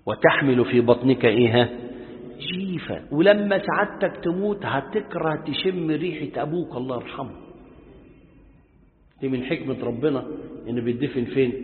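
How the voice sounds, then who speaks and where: A man's voice: mid-range voice, moderate pace. A man with an Egyptian accent teaching a colloquial religious lesson, acting out little dialogues and firing rhetorical questions at his listeners. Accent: Egyptian Arabic. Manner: lively, acts out dialogues, fires rhetorical questions. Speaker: Islamic preacher teaching a lesson. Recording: echoey hall over a tinny phone-like line.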